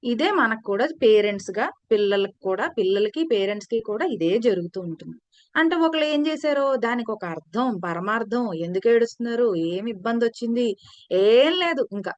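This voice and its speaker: A woman teaching children in an online class, telling a story in an animated way and asking them questions. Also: fairly high pitch, no room sound, muffled recording. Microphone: video call.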